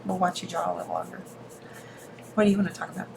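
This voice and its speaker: A woman's voice: fairly low pitch, little pitch movement, fast talker, gravelly, background noise. A woman bantering and teasing on a casual livestream, laughing often. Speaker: co-host.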